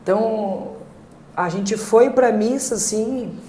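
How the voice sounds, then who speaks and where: A Brazilian woman telling her family story as a podcast guest, halting and emotional, with many fillers. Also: a little high, dark tone, a little hiss or hum. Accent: Brazilian Portuguese. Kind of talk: personal testimony in a podcast. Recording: echoey room.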